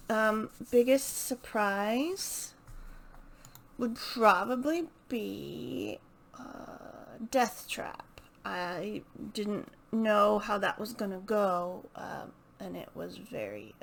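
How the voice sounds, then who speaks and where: Extremely slow and lively in intonation, a woman with a medium-pitched voice and vocal fry hosts a video channel. Her book chat to camera is casual and unscripted, with hesitation and thinking aloud.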